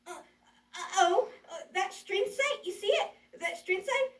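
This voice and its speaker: A performer voicing a childlike, excitable puppet in a children's show, exclaiming and stammering, easily frightened. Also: very high voice, a little slow. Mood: worried. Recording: roomy echo, distant mic.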